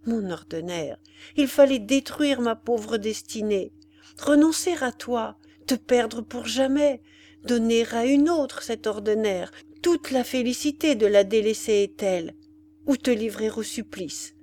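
A woman's voice: a little high, a little slow, mellow, a little hiss or hum, natural voice. A woman reading aloud, voicing a desperate young woman who pleads with her beloved in an impassioned, tearful way. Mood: pleading.

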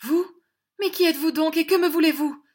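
An anguished, devout young noblewoman from a storybook, proud and solemn, her pleas rising in pitch, voiced by a woman narrator. She speaks with raised, emotional intensity. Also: slow pace. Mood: indignant.

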